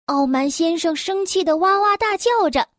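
A woman reading a children's storybook aloud, slow and expressive. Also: very high voice, dry recording, clean studio sound.

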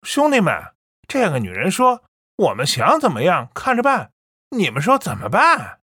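A woman's voice: fairly low pitch, wildly swooping pitch, moderate pace, a bit bright, breathy edge, no echo, clean studio sound, heavily acted. A woman voicing a crooked-headed male street thug who sneers and jeers, in an audiobook reading. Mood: jeering. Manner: sneering, jeering. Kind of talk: audiobook character voice.

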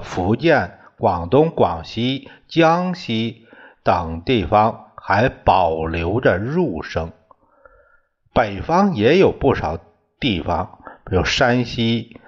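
A man teaching a class in a slow, deliberate way, often restating his terms. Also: fairly low pitch, big pitch swings, breathy edge. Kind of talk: lecture on classical poetry tones. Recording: dull lo-fi recording.

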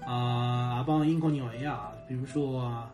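A man, a guest English teacher, explaining slowly and hesitantly. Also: mid-range voice, fairly even intonation, a little mellow, soft background music. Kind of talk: casual chat.

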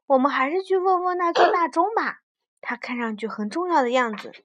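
A woman's voice: sits high, expressive, fairly quick, muffled recording, voice pushed up. A woman voicing a cheerful little companion in a children's story, exclaiming and reassuring. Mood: cheering. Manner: bright, exclaiming, encouraging.

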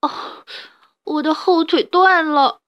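A woman voicing a young male rabbit bully who whimpers and pleads in a high, tearful voice for a storybook tale. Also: expressive, moderate pace, dull audio. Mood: pained, pleading.

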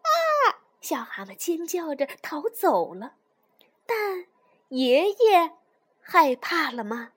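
Storyteller woman, high lively sing-song read-aloud for children. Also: slow.

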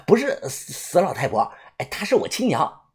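A woman voicing a brash, crude, excitable young treasure digger in an audiobook, talking loud and whiny. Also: sits low, normal speed, breathy edge, heavily acted. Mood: excited. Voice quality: coarse, swearing. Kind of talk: audiobook character voice.

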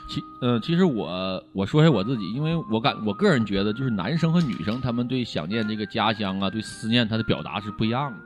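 A man's voice: lowish voice, animated, fast, hardly any pauses. A man hosts a radio show in casual, bantering chat. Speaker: radio host. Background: instrumental music with guitar.

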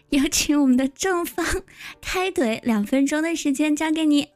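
Woman moderator, high voice, dry close sound, calls turns. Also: lively intonation, a little slow, a little mellow, dry recording, faint music behind. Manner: announcing turns, lightly joking. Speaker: debate moderator. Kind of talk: hosting an online voice-room debate.

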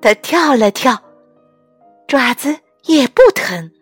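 A woman reading a picture book aloud to a child, taking it slowly and letting her voice swing up and down. The sound is dry and close, with soft music far underneath. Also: sits high, breathy edge, no room sound. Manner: slow and expressive, acting out every character.

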